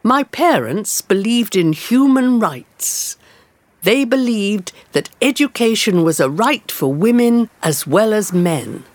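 This is a woman reading as a determined older campaigner for women's rights, recalling her life in a storybook narration. Her delivery is unhurried and measured, each phrase set out clearly. The voice moves expressively up and down in pitch. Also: no echo. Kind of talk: first-person storybook narration for learners.

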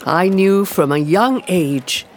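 A woman reads in character as a determined older campaigner for women's rights, recalling her life in a first-person storybook narration for learners. Her earnest delivery is unhurried and measured with each phrase clearly set out, her pitch moving expressively up and down, over slight background noise.

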